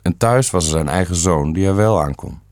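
A man's voice: sits low, expressive, brisk, darkish tone, no room sound, studio quality. A man reading the part of a stern, self-assured elderly great-uncle who speaks bluntly and matter-of-factly.

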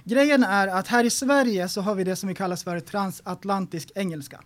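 A man co-hosting a podcast, chatting casually and animated, often laughing and exclaiming. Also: high-pitched. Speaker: podcast co-host. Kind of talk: casual chat.

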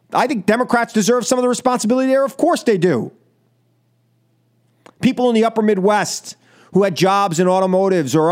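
An American man hosts political talk radio with an opinionated, combative monologue, repeating phrases for emphasis. His voice sits high.

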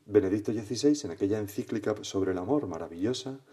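A male priest leads a guided prayer meditation, speaking in a lowish, mellow voice. He talks reflectively and conversationally, often tagging his thoughts with a gentle question. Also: expressive, fast talker.

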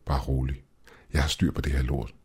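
A man voicing a calm, confident young woman who speaks in an offhand, reassuring way. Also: extremely low pitch, slightly rough, full character voice.

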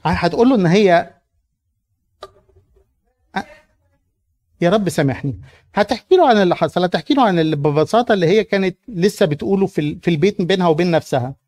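A man's voice: sits high, animated, racing, a little mellow. A man with an Egyptian accent coaching actors through a church drama scene, explaining it animatedly. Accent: Egyptian Arabic. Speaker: drama director.

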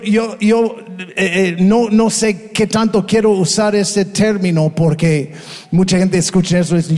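A man preaching a sermon, telling funny stories with laughter, acting out the voices of people in them. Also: sits high. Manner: animated, jokes and laughs, acts out voices. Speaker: pastor. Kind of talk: humorous sermon storytelling. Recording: long reverb of a large hall.

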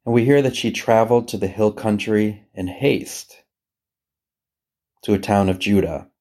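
A man leads a guided meditation in the manner of a priest, his voice lowish, soft-edged and relaxed. He speaks gently and unhurriedly, leaving long pauses between phrases while he reads and reflects on scripture.

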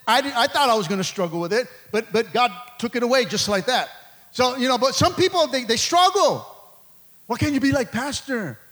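A middle-aged male pastor preaching a lively sermon, joking, laughing and calling out to the congregation. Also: very high voice, brisk.

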